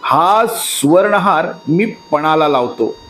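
A man voicing a dutiful, righteous young king who speaks in a measured, hesitant way. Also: a little high, expressive, fairly bright tone, soft background music. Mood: earnest, uneasy.

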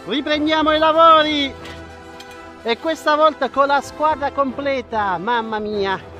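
Filming on a wide-angle action camera, held or worn, a man vlogs about farming life in the countryside, moving between an outdoor farm plot and a small rural room. His very high voice is bright and pushed, unhurried, and enthusiastic as he chats to viewers over soft background music.

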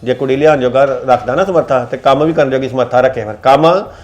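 A man's voice: mid-range voice, quick pace, lightly acted. A man playing a stern elder brother, scolding his younger sibling in an exasperated way. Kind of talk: scripted web drama acting.

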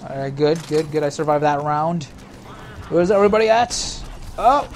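A man giving live, excitable commentary over a video game, often shouting and swearing. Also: fairly high pitch, moderate pace, a little hiss or hum. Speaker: gameplay commentator.

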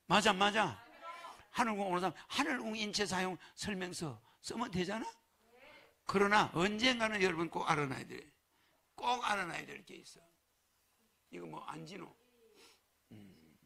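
A man's voice: sits high, lively intonation, moderate pace, gravelly, pushed and bright. A man preaching to followers in a folksy way, chuckling and throwing rhetorical questions at them. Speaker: religious leader addressing followers. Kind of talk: sermon.

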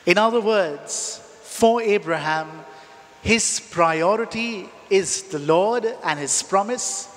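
A man in his thirties, a priest, reading and preaching solemnly in measured phrases with a cathedral-like echo. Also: high-pitched, fairly bright tone. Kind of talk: Gospel reading and homily. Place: indoors in a church. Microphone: gooseneck lectern microphone. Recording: echoey church with long reverb.

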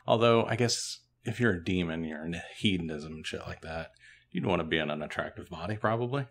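Laid-back low-voiced man podcaster. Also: lively intonation, a little fast. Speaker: podcast co-host. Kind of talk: casual chat recapping a TV episode.

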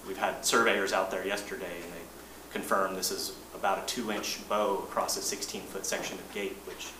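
A man, an engineering manager, presenting updates to a board in a measured, plain-spoken way, often restarting his sentences. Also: low voice, flat delivery. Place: boardroom meeting. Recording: roomy distant mic, noisy meeting room.

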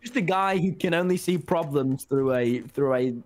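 A man's voice: a little high, normal speed, crowd noise. Goofy, self-mocking man on game chat. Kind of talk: casual gaming chat with friends.

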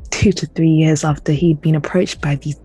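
A woman playing a proud, menacing king who taunts a prisoner in a slow, deliberate, imperious way in an audio play. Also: low-pitched, fairly even intonation, warm tone, breathy edge. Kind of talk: dramatic audio play acting.

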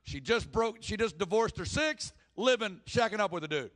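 A man's voice: high-pitched, lively intonation, normal speed, a bit bright. A man preaching a sermon with passion, acting out the people in the story he tells. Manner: impassioned, acts out the people in the story.

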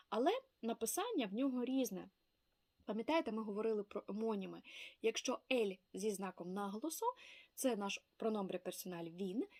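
Patient woman teaching a language lesson. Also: mid-range voice. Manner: patient, repeats each word twice, lively emphasis on examples. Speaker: Spanish teacher.

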